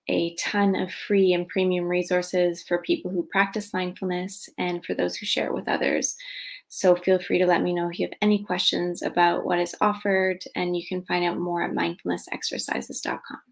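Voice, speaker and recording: A gentle woman in her thirties opens a live guided meditation, speaking slowly and calmly with plenty of soft "um"s. Her voice is low and gravelly, held in a narrow, even band of pitch. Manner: gentle, unhurried, with frequent "um" fillers. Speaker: meditation teacher. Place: indoors at home.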